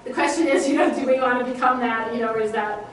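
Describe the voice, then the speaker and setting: Middle-aged woman, youth leader fielding questions, animated, slightly high voice, far-off echoey hall recording. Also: fast, slight background noise. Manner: animated, gestures broadly while talking. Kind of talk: answering audience questions. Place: large church hall with audience. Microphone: far camera, no mic.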